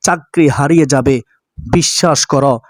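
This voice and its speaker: A man's voice: a little high, moderate pace, no room sound. A man preaching a sermon, earnestly urging listeners and addressing them directly. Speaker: Islamic preacher.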